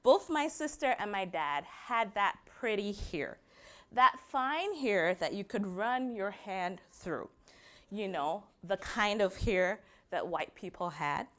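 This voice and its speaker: Barbadian woman giving a measured talk. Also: mid-range voice, animated. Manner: measured, slows and stresses key words. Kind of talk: prepared personal talk.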